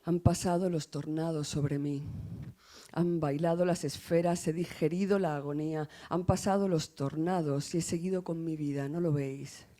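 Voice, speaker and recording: A woman poet reciting her own poem in a measured way, growing softer at the ends of verses. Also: deep voice. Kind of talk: poetry recitation. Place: reserved room in a café.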